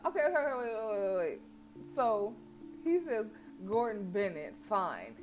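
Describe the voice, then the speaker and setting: A sassy, outspoken woman streams a game, reacting casually in slang and reading a visual novel aloud. Her medium-pitched voice is very animated at a moderate pace. The recording is muffled, with plucked guitar game music behind her.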